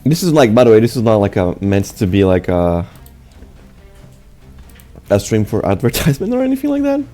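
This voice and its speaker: In this casual channel update, the young host, a native Portuguese speaker with a Brazilian accent in English, halts often with fillers and restarts. His lowish voice has a sing-song, mellow quality, with faint music in the background.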